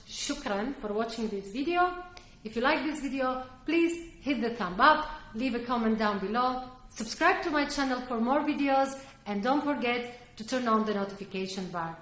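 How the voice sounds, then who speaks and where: A woman teaching a language lesson, speaking slowly and carefully and repeating words for the listener to practice. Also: on the high side, animated, a bit bright, roomy sound. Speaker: Arabic teacher.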